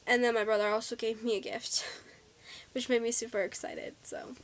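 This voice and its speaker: A woman's voice: fairly high pitch, steady tone, normal speed. A teenage girl chatting in a casual haul vlog, bubbly and a little out of breath, with lots of ums and likes. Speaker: vlogger.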